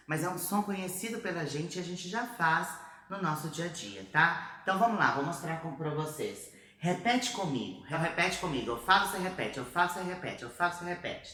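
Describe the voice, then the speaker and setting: A woman's voice: on the low side, a bit bright. A Brazilian woman with a Brazilian Portuguese accent, teaching an online Spanish lesson in a patient, encouraging way and checking in often with her students. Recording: very echoey room.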